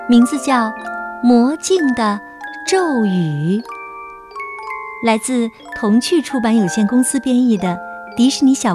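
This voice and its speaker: Woman, children's storyteller, high voice, slow gentle reading, expressive, music behind. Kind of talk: scripted children's story narration. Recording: narration over loud music.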